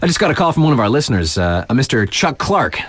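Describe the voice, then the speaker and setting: Playing a laid-back small mountain-town radio DJ for a game, an actor delivers mock news bulletins with wry, slangy deadpan asides. His mid-range voice is husky and fast, with no room sound.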